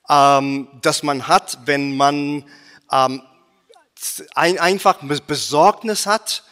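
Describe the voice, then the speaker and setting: A man's voice: mid-range voice, fairly bright tone. A man preaching as a guest speaker, hesitant, with many fillers and restarts. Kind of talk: sermon. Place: church. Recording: long church-hall reverb.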